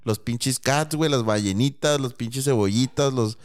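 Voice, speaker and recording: A man's voice: medium pitch, moderate pace. A man with a Mexican accent hosting a casual podcast chat, full of crude slang and laughter. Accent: Mexican Spanish. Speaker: podcast host.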